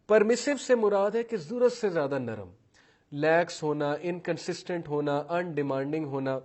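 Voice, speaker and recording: A man's voice: fairly high pitch, darkish tone. A man giving a talk on parenting styles, listing traits one by one and mixing English terms into his speech, acting out what parents and children say in his examples. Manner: acts out parents' and children's words while telling examples. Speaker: parenting lecturer.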